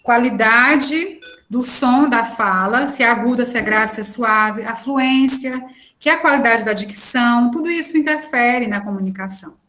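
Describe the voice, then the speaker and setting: A woman teaches an online class. Her voice sits a little high, and her delivery is chatty, full of fillers and self-corrections. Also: moderate pace, sharp tone. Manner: conversational, frequent fillers and restarts. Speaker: lecturer. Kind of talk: online lecture.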